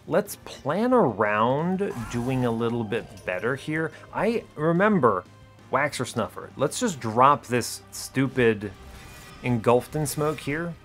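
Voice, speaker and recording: Over background music, a male gaming video host gives dry, understated play-by-play in brief, casual comments. He talks slowly in a fairly bright, medium-pitched voice with big swings in pitch.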